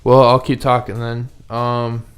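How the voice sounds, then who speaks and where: A young man with a smooth, resonant voice hosts a casual podcast from home. He talks in a loose, rambling way, leaning on fillers as he goes. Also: mid-range voice, monotone, measured pace. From Minnesota. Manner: laid-back, rambling, frequent fillers. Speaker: podcast host. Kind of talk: casual chat. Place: home, with dog beside him.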